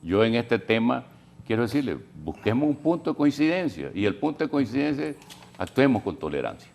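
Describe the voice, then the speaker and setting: An older Honduran man, a lawyer and panel guest, speaking in a measured, lecturing way and urging calm in a heated debate. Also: mid-range voice, gravelly. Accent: Honduran Spanish.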